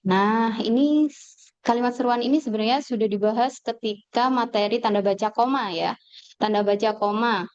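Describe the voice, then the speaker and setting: A woman teacher explaining a lesson slowly on a video call, with fillers and pauses. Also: a little high, smooth, no echo. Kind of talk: online class lecture. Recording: dull lo-fi video call audio.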